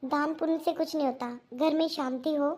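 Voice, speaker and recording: A woman's voice: sits high, fairly even intonation, moderate pace, a little mellow. A woman narrator addressing viewers directly at the end of a cartoon story, spelling out its moral. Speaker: channel narrator.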